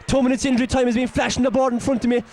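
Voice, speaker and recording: An Irish man giving excitable, openly partisan live commentary on a local football match, shouting and nearly losing his voice. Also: extremely high pitch, very fast.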